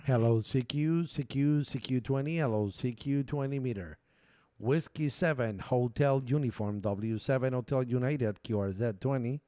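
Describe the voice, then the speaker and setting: A man's voice: mid-range voice, moderate pace, warm tone, dry recording. A man working as an amateur radio operator, making a ham radio call and spelling call signs in the phonetic alphabet.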